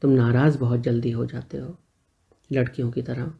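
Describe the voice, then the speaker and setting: A man's voice: medium pitch, flat delivery, normal speed, vocal fry, lightly acted. Shy teasing young guy, read by a man storyteller, pleading questions, kinda muffled audio. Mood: playful.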